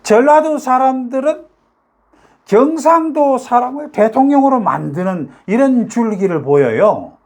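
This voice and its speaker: With a very high, animated and slightly mellow voice at a measured pace, an older man rambles casually to his YouTube viewers, leaning on fillers and rhetorical questions. He has a Gyeongsang accent and hails from North Gyeongsang, South Korea.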